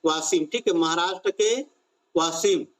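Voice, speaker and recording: Male exam-prep tutor, high voice, slow deliberate delivery, keeps quizzing the class and repeating answers. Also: a bit bright. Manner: drills students with repeated questions and "theek hai"; slow, stretched key phrases. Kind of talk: online current-affairs class.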